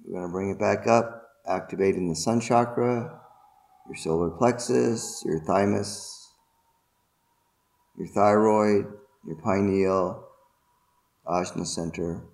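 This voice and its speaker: A man leading a guided meditation and spiritual invocation in a deliberate, ceremonial manner, in short separated phrases. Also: deep voice, gravelly, a little mellow.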